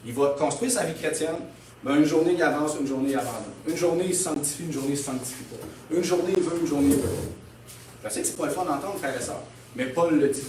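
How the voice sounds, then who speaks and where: Québécois pastor preaching in an echoey hall. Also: male voice, mid-range voice, far from the mic, a little hiss or hum. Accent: Québécois French. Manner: emphatic preaching with frequent "Amen?" calls and laughs. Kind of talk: sermon. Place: church hall.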